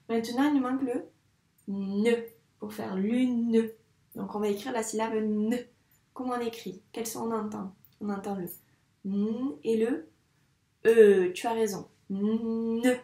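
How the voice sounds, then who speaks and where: A woman teaching young children a dictation, patiently spelling out sounds and syllables clearly for a child. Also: mid-range voice, warm tone. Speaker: primary school teacher. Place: room with a whiteboard. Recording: echoey room.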